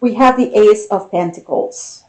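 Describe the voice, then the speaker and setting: A woman giving an unscripted, intimate tarot reading, pausing and thinking aloud as she talks to the listener. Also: mid-range voice, darkish tone, low-quality recording. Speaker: tarot reader.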